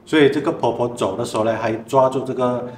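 A man, a spiritual master co-host, calmly explaining and reacting in casual chat. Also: mid-range voice, fast, reverberant, slight background noise. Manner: calm, reacts with short interjections then explains.

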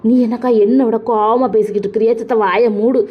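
Woman doing a pleading cartoon younger sister, slightly high, dull lo-fi sound. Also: steady tone, fast talker, lightly acted. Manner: pleading, soothing. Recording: dull lo-fi with faint noise.

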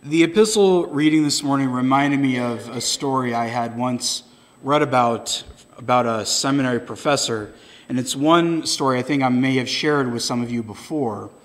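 A man preaching a sermon as pastor, telling a long story at an unhurried pace and briefly voicing the people in it. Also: medium pitch. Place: church sanctuary.

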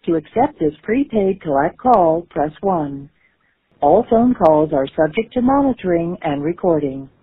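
A woman's voice: fairly low pitch, lively intonation, unhurried, husky, dry recording. A woman giving a formal, scripted automated operator announcement over a prison payphone line. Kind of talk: recorded automated call prompt. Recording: tinny, dry payphone call recording.

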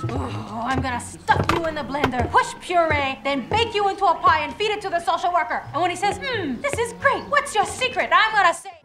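An actress playing an exasperated, fiery young big sister in an animated film. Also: female voice, very high-pitched, fairly quick, hardly any pauses, over music. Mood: furious.

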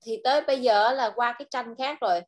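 A woman's voice: on the high side, fast. A woman teaching English to a child one on one, patiently coaxing him and modeling short phrases for him to repeat.

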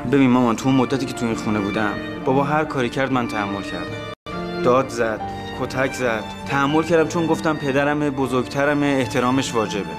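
An actor playing an earnest, caring young man talking things through with his mother, in a gentle, pleading way. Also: medium pitch, over music, lightly acted. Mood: heartfelt. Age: young adult. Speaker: eldest son. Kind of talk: TV drama acting.

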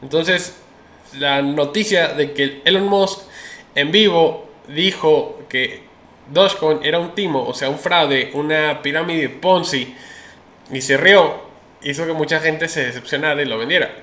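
Opinionated male news host, casual delivery, slightly high and bright, roomy sound. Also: a little slow. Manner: chatty, opinionated, many restarts and fillers.

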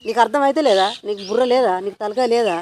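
Fast, nagging high-voiced woman scolding. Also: background noise. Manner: nagging, repetitive, rapid scolding. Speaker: scolding mother-in-law in a prank skit. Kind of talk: scripted village family prank skit.

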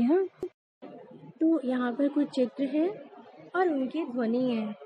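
High-voiced woman teacher, patient questions. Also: lo-fi sound. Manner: patient, asks pupils questions and answers them herself; says each word slowly to show how it is spoken. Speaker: school teacher. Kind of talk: online class lesson for young children.

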